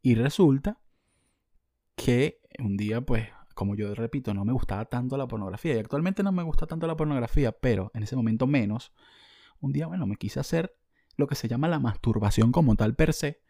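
A man with a Venezuelan accent hosting a podcast, telling a comic story in an animated, slangy, self-mocking way. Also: mid-range voice, brisk, dry recording, studio quality. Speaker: podcast host.

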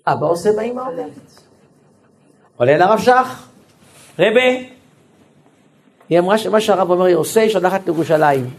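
A man, a rabbi, telling a family story in a religious lecture, acting out the voices. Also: high-pitched. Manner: animated storyteller, acts out every voice.

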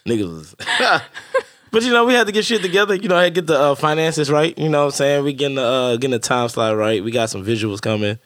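A man's voice: medium pitch, fast talker, a bit bright, dry recording. A man co-hosting a casual podcast chat, sounding slightly nasal from a cold, laid-back and profane, laughing often. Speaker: podcast co-host.

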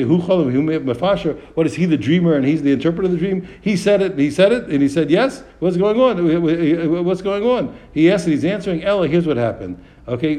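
A man's voice: a little high, warm tone. A man teaching a Talmud text. He reads Aramaic phrases and then explains each in English. He often repeats words and restarts his sentences, and he asks questions and answers them himself.

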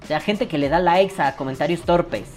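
A man's voice: a little high, moderate pace, a little mellow, soft background music. A Mexican man hosting a casual commentary, crude and sarcastic as he critiques another creator. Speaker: vaping commentary host. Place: at his desk on camera.

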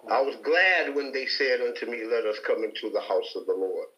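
In a heated debate, this Detroit man on the panel testifies like a preacher, hammering points home through repetition. His medium-pitched voice has lively intonation and runs a little fast, and the audio is dull and roomy.

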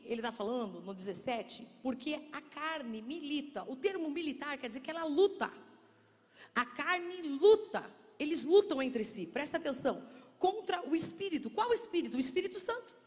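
High-voiced woman pastor preaching in a reverberant church. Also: expressive. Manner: playful, joking with the congregation; slows and softens into quiet, intimate speech. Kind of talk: sermon. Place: church sanctuary.

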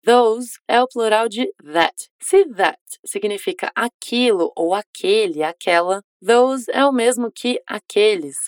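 Woman teaching English, clear and patient. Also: fairly high pitch, dry recording, clean studio sound. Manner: explains slowly, then models English phrases for repetition. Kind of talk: language lesson narration.

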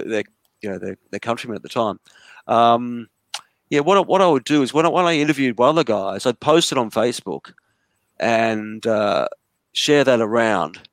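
A man in a conversational interview, recounting events at length in a rambling style that keeps circling back and restarting. His voice is mid-pitched and recorded dry and close. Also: no room sound. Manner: rambling storytelling with frequent restarts. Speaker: interview guest, writer. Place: lives in a large city.

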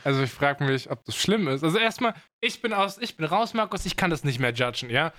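A young man with a high, bright voice co-hosts a podcast in casual, teasing chat. He talks with excitable energy and lots of slang, and the recording is dry and close. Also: brisk, no echo. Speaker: podcast co-host.

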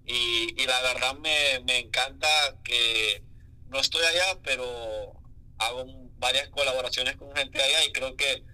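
A man's voice: mid-range voice, sharp tone, poor audio. A man with a Honduran Spanish accent, a music artist telling his story candidly in a casual interview.

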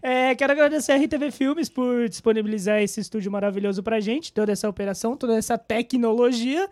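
A woman hosting a casual studio podcast, playful and quick to laugh. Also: on the high side, a little mellow. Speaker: podcast host. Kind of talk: casual group chat.

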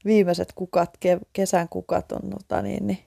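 Woman, podcast co-host, casual chat, gravelly, mellow, porch recording. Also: fairly low pitch, level tone. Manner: chatty, laughs often, trails off mid-sentence. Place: outdoor porch.

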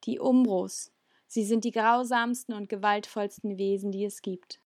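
A woman's voice: mid-range voice, fairly even intonation, moderate pace, a little mellow, dry recording, clean studio sound, natural voice. A woman voicing a grave alien elder woman explaining a danger in a storybook reading.

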